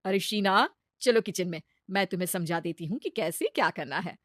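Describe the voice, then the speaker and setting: A woman playing a kind, patient middle-aged mother-in-law in a cartoon story, speaking gently and motherly. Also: fairly low pitch, brisk, no echo, clean studio sound, natural voice. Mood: guiding.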